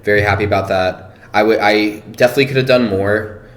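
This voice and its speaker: Deep-voiced man chatting casually. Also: fairly quick. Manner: relaxed, thinking aloud with many fillers. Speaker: powerlifter guest. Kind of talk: casual podcast chat. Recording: echoey room, faint noise.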